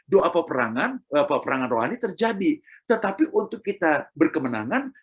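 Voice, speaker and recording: A middle-aged preacher gives a sermon in a slightly husky, breathy voice, his pitch swinging widely. He is emphatic and repetitive, hammering points home while addressing his listeners directly.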